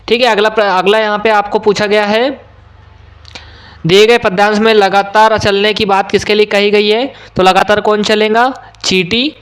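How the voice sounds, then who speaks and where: A male teacher going through an exam paper question by question, explaining each answer step by step with frequent "uh" pauses. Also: high voice, fairly bright tone, clear, resonant tone. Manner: explains step by step, often pausing with "uh". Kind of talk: exam solution walkthrough.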